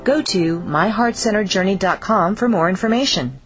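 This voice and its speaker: A woman voicing a scripted radio promo, her pitch lively and inviting. A clear music bed plays under her smooth, polished read. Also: moderate pace. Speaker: promo announcer.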